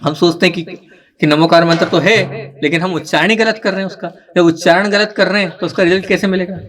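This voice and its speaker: Man, teacher, fairly high-pitched voice, live group lesson, coaxing and explanatory. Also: fairly even intonation, fast talker, fairly bright tone. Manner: explanatory, coaxing, checks in with listeners often. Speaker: teacher of religious recitation.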